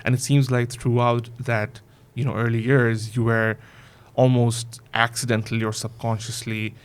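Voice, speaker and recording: A man's voice: medium pitch, level tone, moderate pace, clean tone. A man hosting a podcast, asking long, casual questions padded with "you know" and "like". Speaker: podcast host. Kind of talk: podcast interview.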